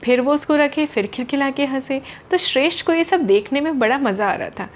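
A woman's voice: sits high, brisk, slight background noise. A woman telling a story to children, explaining words to her young listeners along the way.

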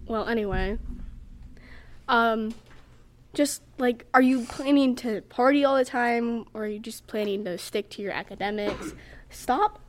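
A woman's voice: fairly high pitch, a little slow, slight background noise. A teenage girl hosting a casual student podcast, rambling with many fillers as she talks through her plans. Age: teens. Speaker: podcast host. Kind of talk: casual chat.

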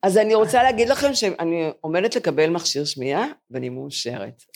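A woman's voice: fairly low pitch, animated, vocal fry. A woman in her seventies, a podcast co-host, chatting in a self-mocking, storytelling way before a live audience. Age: 70s.

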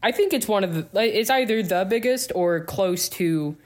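A man co-hosting a podcast, telling work stories in a wry, deadpan way during casual chat. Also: high-pitched, normal speed. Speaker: podcast co-host.

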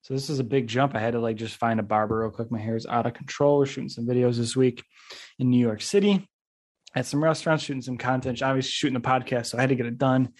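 A man in his mid-twenties hosts a podcast, talking casually and rambling with lots of "like." His voice is mid-range and a little dark, and he speaks at a quick pace.

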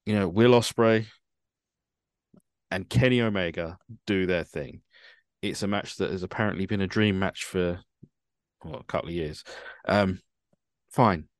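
Man, very low voice, dry close sound, casual opinionated chat. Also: unhurried, long pauses, no room sound. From United Kingdom. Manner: dry, opinionated, wry asides. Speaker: podcast host.

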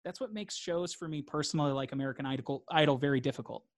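A man's voice: a little high, fast, no room sound, clean studio sound. A man, a guest in a reflective interview, talking earnestly and repeating phrases for emphasis.

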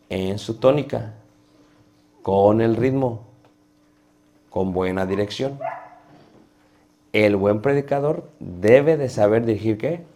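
A man's voice: lowish voice, darkish tone. A middle-aged man teaching a class on preaching, asking the students rhetorical questions. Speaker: homiletics teacher.

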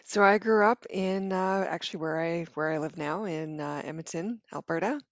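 A woman's voice: fairly low pitch, normal speed, dry recording. A woman from Canada, a guest in a casual interview, who talks in a friendly way and laughs easily.

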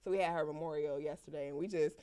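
A woman's voice: low voice, steady tone, fast, dark tone. A woman hosting a podcast, a mother, chatting casually in slang and laughing often. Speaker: podcast host.

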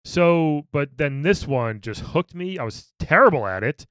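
Long island guy cohosting a podcast, bouncy pitch, rambles and trips over words, dead dry sound. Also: animated, unhurried, fairly bright tone, no echo. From New York, Long Island. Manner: enthusiastic, rambling, stammers and restarts. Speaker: podcast co-host. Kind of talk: casual chat.

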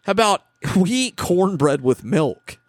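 A man hosts a relaxed talk show, opinionated and animated. His voice sits a bit high and swings up and down a lot. The sound is close and dry, with no room echo. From West Virginia. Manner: animated, opinionated, quick to scoff. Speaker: podcast host. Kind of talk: casual chat.

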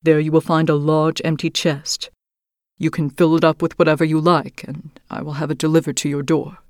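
A woman's voice: low-pitched, little pitch movement, normal speed, no echo, studio quality. A woman voicing a stern, proud male beast in a storybook reading. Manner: stern, commanding.

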